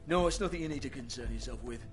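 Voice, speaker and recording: An actor voicing a gruff, surly male toad landlord with a Cockney accent in a story game, swearing as he talks. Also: medium pitch, rapid-fire, music in the background, natural voice.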